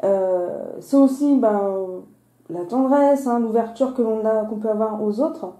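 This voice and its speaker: Lisping woman with a very soft, mellow tone. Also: on the high side, measured pace. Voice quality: slushy lisp on s sounds. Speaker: host of a weekly card-reading video. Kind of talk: casual explanatory card reading. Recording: roomy, echoing sound.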